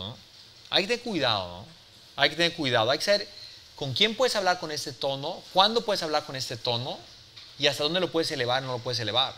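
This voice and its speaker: Blunt, forceful man in his forties. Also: on the high side, a little hiss or hum. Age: 40s. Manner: blunt, forceful, swears freely, peppers with "¿sí?". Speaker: business speaker and mentor. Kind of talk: live mentoring talk to an audience.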